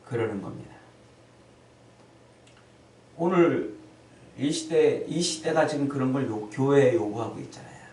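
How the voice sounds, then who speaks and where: A middle-aged man preaching a lively Sunday sermon, often acting out the voices of the people he quotes. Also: mid-range voice, unhurried, pauses often. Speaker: pastor. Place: church sanctuary. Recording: echoey church hall, distant mic.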